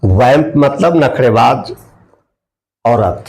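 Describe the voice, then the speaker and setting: A man's voice: medium pitch, animated, takes it slowly, creaky, a little mellow. A man teaching English vocabulary in a classroom-style lesson. He spells words out letter by letter, repeats key words and asks the viewer questions.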